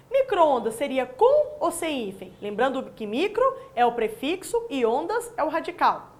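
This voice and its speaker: A woman teaching a recorded distance-learning lesson, asking the viewer questions and answering them with friendly tag questions. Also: high-pitched. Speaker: Portuguese language teacher.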